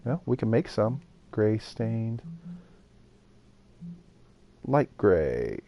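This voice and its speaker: Here a man streams a building game, thinking aloud and chatting casually with his audience. His lowish, dark voice has a sing-song quality, and he draws his words out.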